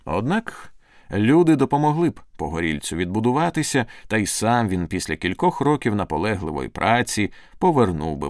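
Expressive low-voiced male storyteller. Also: dry recording, clean studio sound. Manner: expressive, dramatic reading. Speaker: narrator. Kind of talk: scripted storybook narration.

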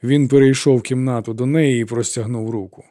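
A man narrating an audiobook in an even, measured storytelling voice. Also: medium pitch, no room sound, studio quality.

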